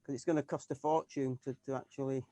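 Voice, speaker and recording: A man from the UK who plays keyboards in a tribute band chats casually in an interview, stumbling through lots of restarts and fillers. He talks fast, in a medium-pitched, dark voice with a steady tone.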